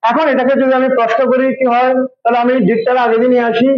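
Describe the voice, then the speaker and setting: High-voiced man drilling a grammar class. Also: flat delivery, very fast, lo-fi sound. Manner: drills students with repeated call-and-response questions. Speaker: English teacher.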